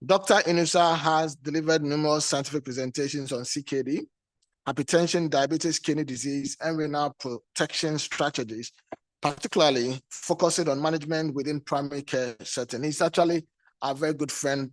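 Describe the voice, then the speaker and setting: A Ghanaian man chairing a session, giving a formal introduction in deliberate, halting phrases. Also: a little high, steady tone, dry recording.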